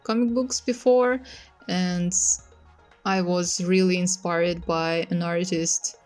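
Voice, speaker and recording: Slow-talking young Russian woman. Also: lowish voice, steady tone. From northeast Russia. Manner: slow and unhurried, with pauses and fillers. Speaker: artist. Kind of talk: casual voice-over over a speedpaint. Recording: music playing softly behind. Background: faint music.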